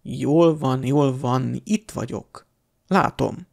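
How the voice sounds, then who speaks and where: A man's voice: mid-range voice, gravelly. Man reading a tired teen boy wizard, grudging short answers, storybook voice. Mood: weary, grudging. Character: weary, reluctant teenage boy wizard.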